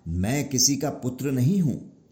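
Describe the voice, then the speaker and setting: A man voicing a stubborn divine boy who keeps demanding names, speaking slowly and insistently in a storybook telling. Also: mid-range voice, very animated, mellow, reverberant. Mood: defiant. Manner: slow, insistent, defiant. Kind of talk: storybook narration.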